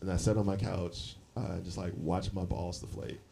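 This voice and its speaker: A man in his forties telling stories in a live stand-up set, animated and laughing often between lines. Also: low-pitched, moderate pace, creaky, a little hiss or hum. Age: 40s. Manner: animated storytelling, frequent laughs and fillers. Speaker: stand-up comedian. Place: comedy club stage with audience. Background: audience laughter.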